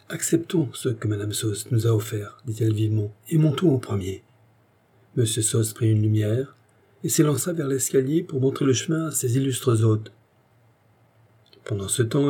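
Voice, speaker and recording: A man narrating a classic novel in a measured, expressive reading. His voice is soft and mellow, with a husky edge. It sounds like a studio audiobook. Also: mid-range voice. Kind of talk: scripted literary narration.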